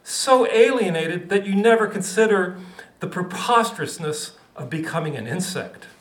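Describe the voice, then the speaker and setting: A man's voice: high voice, expressive, normal speed, roomy sound, pitched above the performer's own voice, low-quality recording. A man doing a bossy exasperated author. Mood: lecturing. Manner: insistent, lecturing, exasperated.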